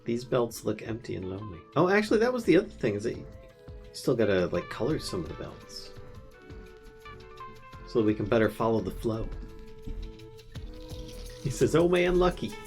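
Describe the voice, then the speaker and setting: Playful gravelly man streaming a game. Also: on the low side, very animated, normal speed, pauses often, a little mellow, faint music behind. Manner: playful teasing, laughs often, thinks aloud. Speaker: streamer playing a modded game. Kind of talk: casual live-stream chat.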